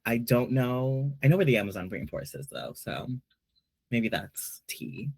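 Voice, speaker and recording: A man's voice: medium pitch, very animated, normal speed, vocal fry, no room sound. A man from Peru moderating a casual online panel, playful and chatty with lots of fillers.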